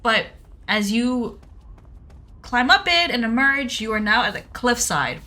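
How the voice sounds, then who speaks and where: Speaking unhurriedly, this young podcast co-host has a slightly high, pushed, bright voice with an animated delivery. She chats casually and warmly, reading out contact details and listener email info.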